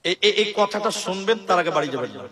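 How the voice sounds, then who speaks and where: Male preacher with an Assamese Bengali accent, high voice, fervent rhetorical stage sermon, PA sound over a loud crowd. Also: lively intonation, very fast. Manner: fervent and rhetorical, chants Quranic verses, jokes with the crowd. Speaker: Islamic preacher at a night religious gathering. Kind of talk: Bengali waz sermon with storytelling. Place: outdoor stage at a large night gathering. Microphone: stage microphone. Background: crowd of listeners.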